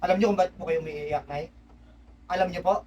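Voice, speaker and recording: Fast, high-voiced man healer, pressing. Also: fairly even intonation, a little mellow, lo-fi sound. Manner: insistent, presses with repeated "ha?". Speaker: spiritual healer. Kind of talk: healing session, confronting a spirit then explaining to onlookers. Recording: distant mic with faint background noise.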